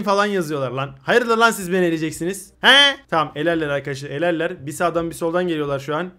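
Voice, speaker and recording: A young man commentating his gameplay, excitable, shouting at other players and reading chat aloud. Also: high-pitched. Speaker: gaming YouTuber.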